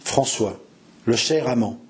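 A man narrating a classic novel as an audiobook, measured and expressive, lingering on phrases. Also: medium pitch.

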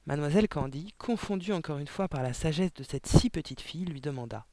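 A man narrating a children's audiobook in an expressive storytelling manner. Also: fairly high pitch, fast, no echo. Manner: expressive storytelling with character voices.

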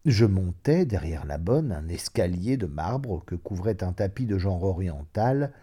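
A man narrating a classic short story in an expressive, measured reading. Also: deep voice, slightly rough.

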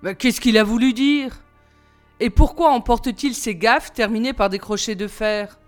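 A sulky teenage boy from a storybook grumbles through his lines at a slow, heavy pace, voiced by a woman reading aloud. He sounds reluctant and sore. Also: on the high side, faint music behind, lightly acted. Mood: puzzled. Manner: slow, complaining.

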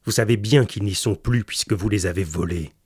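A man's voice: on the low side, a little fast, a little mellow, husky, dry recording, clean studio sound. A man reading a desperate sailor son. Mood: pleading. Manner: pleading then grim.

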